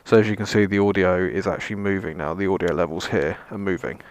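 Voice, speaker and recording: Man, lowish voice, dry close sound, casual gear demo, rambling, sarcastic, self-deprecating. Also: fairly even intonation, fast talker, no echo. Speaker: motovlogger, presenter. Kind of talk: casual vlog gear demonstration.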